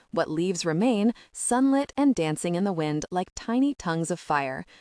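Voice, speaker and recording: A woman narrating a first-person romance audiobook in an expressive storytelling manner. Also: fairly low pitch, no room sound, clean studio sound.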